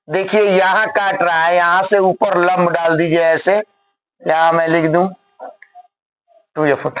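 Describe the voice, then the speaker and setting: A man teaching a physics lesson to a class. He dictates word by word and keeps asking the students questions. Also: high-pitched.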